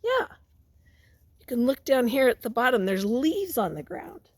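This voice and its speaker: A woman teacher reads a picture book aloud to young children, pausing to ask questions and prompt them. Her voice is high and very animated, with no room sound.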